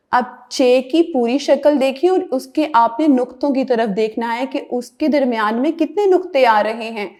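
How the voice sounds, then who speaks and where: A woman with a Pakistani Urdu accent teaching young children the alphabet, slowly sounding out each letter and word in a playful, sing-song way. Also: on the high side, a little mellow. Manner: playful storytelling tone for young learners.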